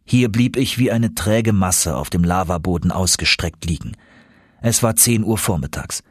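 A man narrating an adventure audiobook in the first person, measured and steady. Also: deep voice, no room sound, clean studio sound. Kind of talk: audiobook reading.

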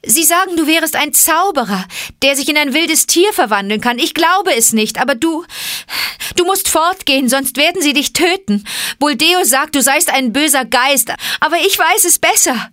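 A woman's voice: high voice, expressive, moderate pace, sharp tone, dry recording, studio quality, pitched above the performer's own voice. A woman reading aloud, voicing an anxious, loving village mother who pleads urgently. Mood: pleading.

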